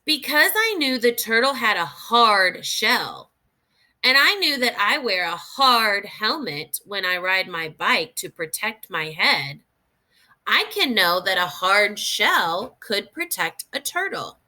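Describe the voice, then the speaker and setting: A woman with a mid-range voice reads expressively in an instructive, teacherly manner for young children, pausing to consider questions.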